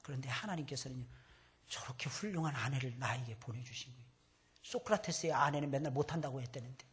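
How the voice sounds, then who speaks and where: Male pastor, forties, bright forceful preaching voice, whisper-to-shout delivery. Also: mid-range voice, quick pace. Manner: swings from hushed whispers to loud emphatic cries. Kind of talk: sermon. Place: church service.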